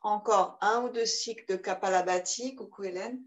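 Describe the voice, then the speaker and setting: A woman leads a yoga session in a calm, guiding voice. Between cues she chants short, rhythmic breath sounds, keeping the class moving. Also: mid-range voice, moderate pace, rough recording. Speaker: yoga teacher. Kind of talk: guided yoga class instruction.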